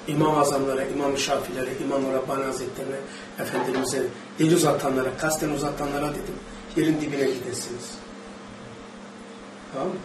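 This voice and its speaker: A man with a Turkish accent teaching a religious study sermon, impassioned, quoting Arabic verses and putting questions to his listeners. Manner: impassioned, rising to high emphatic bursts; quotes Arabic verses, asks the audience questions. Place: mosque or study hall. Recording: echoey hall, faint noise, distant mic.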